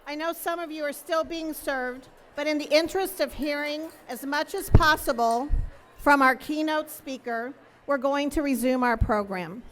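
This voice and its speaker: A woman with a high voice reads a formal introduction from a podium microphone. Her words ring out with a long reverb in the hall around her. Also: normal speed, a little hiss or hum. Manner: formal, scripted delivery. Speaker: event emcee. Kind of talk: reading an introduction. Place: event hall.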